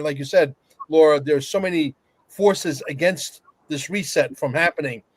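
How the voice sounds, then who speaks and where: A man's voice: fairly high pitch, no echo, poor audio. A man in a panel discussion, speaking emphatically and bluntly in an opinionated way, repeating himself for force. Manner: emphatic, repetitive, coarse-tongued. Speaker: roundtable panelist.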